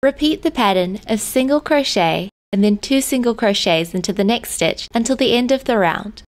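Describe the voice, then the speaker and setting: A woman host narrating a crochet tutorial in a calm, step-by-step instructional manner. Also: fairly high pitch, normal speed. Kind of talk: scripted tutorial voice-over.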